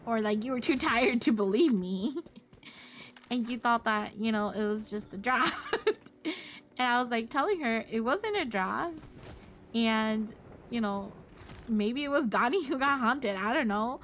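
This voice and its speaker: A woman's voice: a little high, animated, unhurried, pauses often, a bit bright, a little hiss or hum. A woman live streamer telling a rambling story to her chat in a casual way, full of fillers. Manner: chatty, rambling, many fillers; greets chat viewers mid-story.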